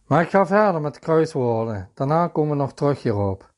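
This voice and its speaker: A man's voice: on the high side, sing-song, brisk. Earnest Dutch-speaking preacher man. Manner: earnest, reads scripture passages aloud with verse references. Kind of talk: sermon.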